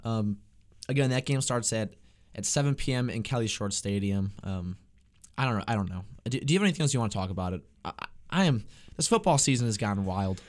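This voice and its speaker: Halting young man talking college football. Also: fairly low pitch, expressive. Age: young adult. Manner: halting, repeats words often. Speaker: student sports reporter, show host. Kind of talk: casual sports talk.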